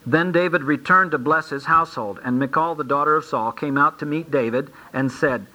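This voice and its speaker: A man's voice: fairly high pitch, moderate pace, sharp tone, rough recording. A man preaching a sermon, reading Bible verses aloud and explaining them in plain, folksy asides. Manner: reads verses aloud, then comments.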